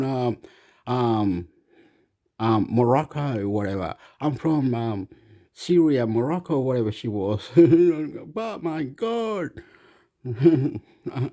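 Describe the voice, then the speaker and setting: A man's voice: mid-range voice, dark tone. A man from Chile, rambling through casual commentary, repeating himself and laughing often. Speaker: vlogger commenting on a video.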